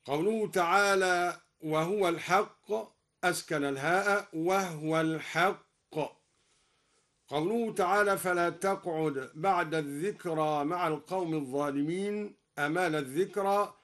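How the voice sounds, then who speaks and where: A man teaching Quran reading variants, moving between plain spoken explanation and slow melodic recitation, from a radio broadcast. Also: sits high, fairly bright tone. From Egypt.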